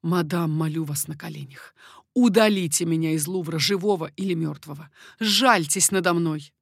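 A woman's voice: low-pitched, normal speed, gravelly, no echo, studio quality. A woman reading an audiobook, voicing an ardent, devoted young nobleman who pleads fervently. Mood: pleading.

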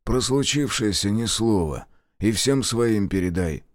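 A man's voice: lowish voice, expressive, measured pace, no echo, studio quality. A man voicing a wry wounded officer. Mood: firm. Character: wounded stoic male partisan officer, dry humor.

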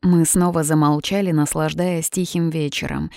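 A woman's voice: sits low, steady tone, normal speed, mellow, no echo, studio quality. A woman reading an audiobook in scripted narration, with a lightly ironic storytelling manner.

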